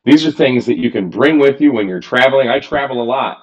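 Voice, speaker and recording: In a relaxed screen-recorded tutorial, a man in his thirties demonstrates radio programming from a workbench at home, where he reviews radio gear. He speaks a little fast in a mid-range voice, frank and casual with exasperated asides, and the sound is lo-fi.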